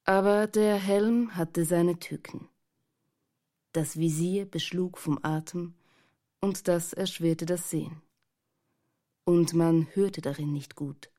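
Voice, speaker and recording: A woman reading a novel aloud in calm, even scripted narration. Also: lowish voice, slow, long pauses. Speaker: audiobook narrator.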